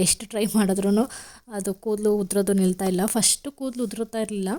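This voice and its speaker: A woman's voice: medium pitch, mellow. A young woman, a homemaker and vlogger, chatting casually at home and explaining her chores as she works. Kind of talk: casual vlog narration.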